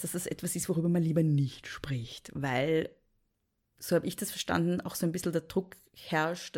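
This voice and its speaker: A woman hosting a casual interview, phrasing questions tentatively and checking what she has understood. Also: on the low side. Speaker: interview host.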